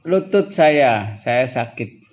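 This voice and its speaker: Slow-talking man teaching English. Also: mid-range voice, animated, darkish tone, dull audio. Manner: explains slowly, often drifting into chuckles, switching between two languages. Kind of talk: classroom lesson.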